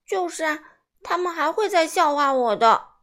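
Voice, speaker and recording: An upset young boy from a storybook, quick to anger, as a woman reads him. The voice sits high and swings around a lot, agitated and childlike. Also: sing-song, fairly bright tone.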